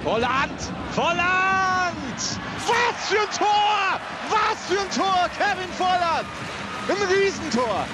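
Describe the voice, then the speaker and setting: A male football commentator screams out goal calls. His voice is pushed extremely high. Loud outdoor stadium noise sits behind him throughout. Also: animated, slow. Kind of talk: live TV football match commentary.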